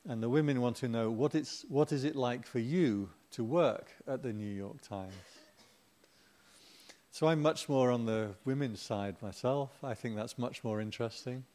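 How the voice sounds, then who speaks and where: A man's voice: mid-range voice, normal speed, dark tone. Middle-aged male Buddhist teacher, informal Dharma talk, mid-range voice, chatty, light humor with asides.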